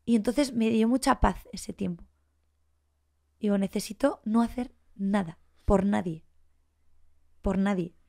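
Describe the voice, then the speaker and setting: A woman's voice: mid-range voice, a little slow, gravelly, pauses often. A woman in her forties with a Spanish accent from Spain, a podcast guest telling her own story candidly and with feeling, acting out what people said. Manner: emotional, animated, acts out past dialogue.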